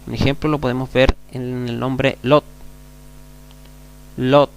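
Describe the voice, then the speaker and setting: Patient Chilean male teacher, mid-pitched gravelly voice, faint electrical hum under the recording. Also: level tone. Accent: Chilean Spanish. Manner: patient, repeats words slowly, asks "mm?" to check. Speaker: Hebrew teacher. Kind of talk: classroom lecture.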